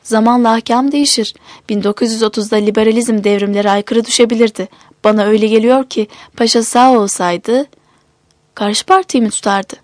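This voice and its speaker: A woman reading the part of a shrewd middle-aged gentleman who reasons calmly with his drinking companion. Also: a little high, a little fast, no room sound, studio quality, lightly acted. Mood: reasoning.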